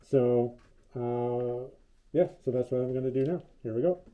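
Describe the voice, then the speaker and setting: A man talking through a respirator mask, so his voice sounds muffled, as if from behind a wall. He gives a relaxed, rambling how-to walkthrough with lots of fillers. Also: medium pitch, measured pace. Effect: muffled as if through a wall, speaking through a respirator mask. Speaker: DIY hobbyist demonstrating a paint finish. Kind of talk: casual how-to narration.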